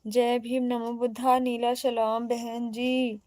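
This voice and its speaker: Slow, unhurried Awadhi woman streamer. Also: fairly high pitch, level tone, a little mellow, dry recording. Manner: chatty, greets and answers viewers one by one. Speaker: live streamer reading viewer comments. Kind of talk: casual livestream chat.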